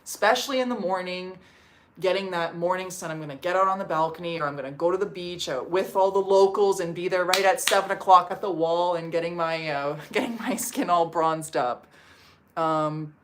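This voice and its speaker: With a fairly low voice at a moderate pace, this livestream host from Canada chats casually from her home in Portugal. She reads out viewer comments and responds to them, her talk heavy with "like" fillers.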